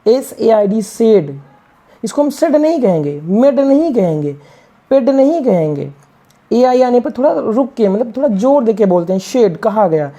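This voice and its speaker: A woman's voice: on the high side, sing-song, normal speed, dark tone. A woman teaching English reading, spelling out words letter by letter and asking and answering her own questions. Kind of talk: classroom-style reading lesson.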